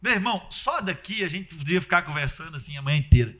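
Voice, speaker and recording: A high-pitched man preaches a sermon. His voice is bright and forceful, and he talks in a lively, conversational way, often dropping into acted-out quotes. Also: fast. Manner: animated, conversational preaching with acted-out quotes and sudden loud bursts.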